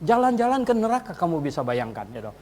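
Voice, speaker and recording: Male pastor, higher than usual voice, animated sermon delivery full of rhetorical questions, church reverb. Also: fast. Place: church hall.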